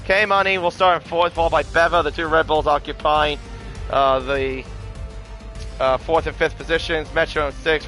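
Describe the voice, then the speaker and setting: A man's voice: on the high side, pushed and bright. A man giving live play-by-play motorsport commentary on an online race, often correcting himself as he goes. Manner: hesitant asides, self-correcting, exclaims at incidents.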